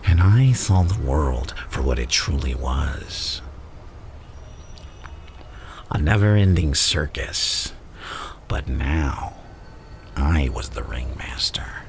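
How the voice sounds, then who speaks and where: A man playing a theatrical, manipulative madman supervillain in an ASMR roleplay, speaking in a gravelly, breathy half-whisper and savouring each phrase. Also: a bass voice, animated, slow pace, slight background noise, heavily acted. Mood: intimate, reflective menace. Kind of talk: ASMR villain roleplay monologue.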